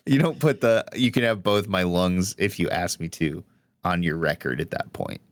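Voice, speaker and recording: Young male podcast co-host, very low voice, loose rambling delivery, dry sound. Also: normal speed, no echo. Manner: rambling, heavy use of "like", frequent laughs. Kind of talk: casual music podcast chat.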